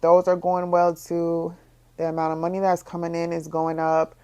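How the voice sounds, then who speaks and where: A young woman running her own swimwear shop tells a casual vlog story. Her voice sits a little low, and she repeats phrases as her exasperation grows, pushing her pitch higher when the frustration peaks. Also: completely flat delivery, normal speed, a little mellow. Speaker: small business owner, bikini designer.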